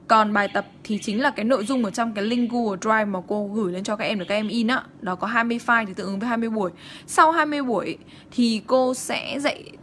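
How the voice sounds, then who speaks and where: A woman teaching an online English exam-prep lesson, speaking briskly and checking in with her students again and again. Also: on the high side, a bit bright, a little hiss or hum. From Vietnam.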